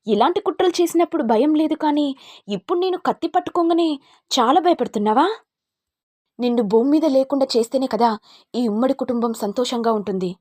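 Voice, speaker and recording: A vengeful middle-aged mother-in-law, raised and loud, as a woman reading a story puts her on. She hurls accusations in a husky, mellow voice, set dry and close. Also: on the high side, moderate pace, dry recording, close to an everyday voice. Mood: furious. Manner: shouting accusations.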